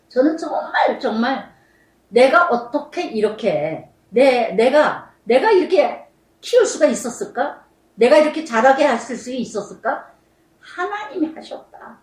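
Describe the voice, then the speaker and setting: A middle-aged woman pastor preaching a sermon, emphatic, repeating phrases and swinging between loud and soft. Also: a little high, roomy sound, recorded from a distance, poor audio.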